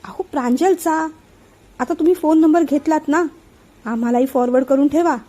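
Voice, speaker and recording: A nosy, sharp-tongued aunt prods her nephew for answers, as a woman storyteller gives her a voice. The voice is high and mellow, in a read-aloud family story. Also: moderate pace, natural voice. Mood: prying. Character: meddling, sharp-tongued middle-aged aunt.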